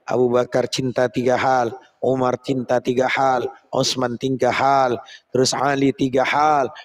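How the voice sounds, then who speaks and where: A man preaching a lively sermon, acting out prayers and chanting Arabic phrases slowly. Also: medium pitch. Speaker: Islamic preacher.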